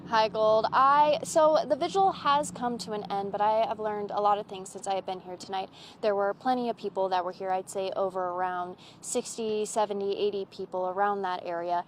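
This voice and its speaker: Woman reporter doing a live hit outside, steady and deliberate, faint street noise behind. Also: mid-range voice. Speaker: field reporter. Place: outdoors at an evening vigil.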